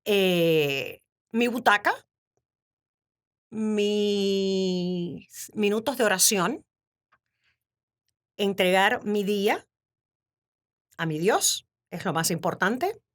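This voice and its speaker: A Cuban woman in her fifties, speaking in an animated, laughing way as a guest in a casual interview. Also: mid-range voice, extremely slow, long pauses. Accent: Cuban Spanish. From Cuba. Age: 50s. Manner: warm, animated storytelling with frequent laughter. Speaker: podcast guest.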